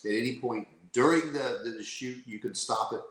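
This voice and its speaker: A man's voice: mid-range voice, moderate pace, a bit bright. A man speaking as a guest in a casual interview, rambling with restarts. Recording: roomy echo.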